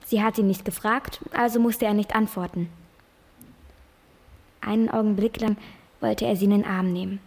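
A young girl reading a children's novel aloud, breathy and expressive. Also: mid-range voice. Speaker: reading contest winner.

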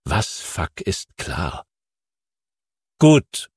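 Stern, suspicious bargainer, husky and low; a male reader voices him in an audiobook. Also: huge pitch swings, very slow, darkish tone, dry recording, full character voice. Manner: stern, probing. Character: hard, suspicious young man bargaining. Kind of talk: audiobook reading.

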